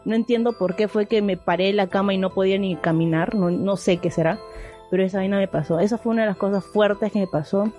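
Young woman, mid-pitched and mellow, casual storyteller who rambles and restarts, over a faint music bed. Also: fast. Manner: rambling and vivid, full of fillers and restarts.

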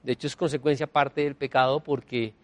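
A man preaching a sermon, emphatic, swinging between soft and loud and repeating key phrases as refrains. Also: medium pitch, flat delivery, brisk, no echo. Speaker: pastor.

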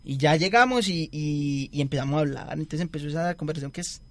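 A man's voice: a little high, fast, slight background noise. A young man telling a long, rambling story in casual chat and acting out the quotes. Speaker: guest storyteller.

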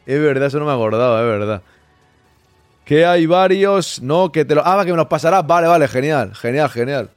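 A chatty man hosting a live podcast show, joking with viewers as he greets them. His voice sits fairly high, recorded dry and close with faint background music. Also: expressive, moderate pace, no echo. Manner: jokey, chatty, reads chat messages aloud. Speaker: podcast host.

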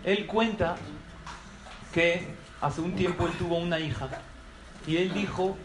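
A man's voice: high voice, steady tone, unhurried. A man giving a humorous lecture to a live audience, often asking them questions. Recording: echoey hall from far off, noisy.

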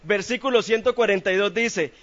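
A man's voice: high voice, fairly quick, a bit bright, highs cut off. A man preaching a sermon in church, asking the congregation questions in a playful, colloquial way.

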